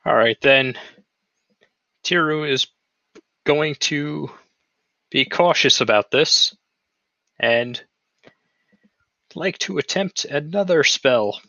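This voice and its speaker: A man's voice: on the high side, slow pace, pauses often, bright, forceful tone, no echo. A man playing a tabletop game, thoughtfully explaining his plans in detail. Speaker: player. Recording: dry, slightly muffled mic.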